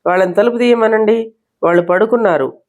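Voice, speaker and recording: A woman's voice: medium pitch, a little fast, darkish tone, close to an everyday voice. A woman reading a storybook voicing an irritated, blunt young man who grumbles impatiently.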